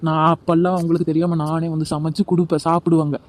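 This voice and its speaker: A man doing a sharp-tongued young wife. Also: on the high side, level tone, quick pace, close to an everyday voice. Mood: scornful. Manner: scornful, defensive. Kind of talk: amateur cartoon voice acting.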